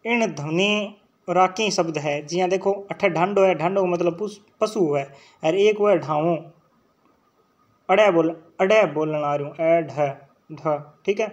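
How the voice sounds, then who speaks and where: A man's voice: high-pitched, unhurried, muffled recording. A man with a Rajasthani accent teaching an exam-prep lecture, sounding out letters and often checking in with his students. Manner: drills sounds aloud, checks in with "theek hai" often.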